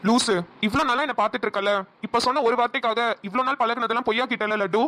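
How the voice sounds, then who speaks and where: A woman's voice: on the high side, fairly even intonation, fast, fairly bright tone, close to an everyday voice. A woman voicing a brusque teasing young husband. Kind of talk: cartoon voice acting.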